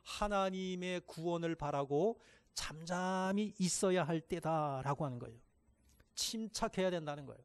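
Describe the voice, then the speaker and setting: His voice is on the high side with a clean tone as he preaches, a pastor reading scripture slowly and emphatically. Between passages come quiet asides, and he guides the congregation in reading aloud together.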